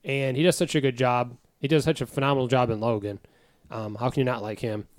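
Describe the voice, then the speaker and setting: A man's voice: medium pitch, steady tone, fast talker, dry recording. A man co-hosting a casual podcast chat in a studio, with jokey, sarcastic asides. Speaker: podcast co-host. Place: recording studio.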